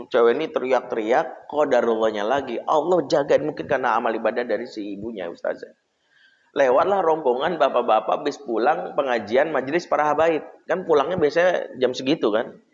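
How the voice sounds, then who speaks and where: A man, an Islamic preacher, giving a casual parenting talk and telling a story in an animated, conversational way. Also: mid-range voice, a little fast. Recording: echoey hall, dull lo-fi sound.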